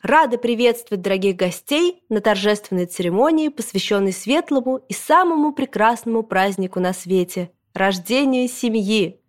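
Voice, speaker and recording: A woman voicing a pompous middle-aged female registrar in a storybook reading, speaking in a solemn, ceremonial, drawn-out way. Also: mid-range voice, animated, lightly acted.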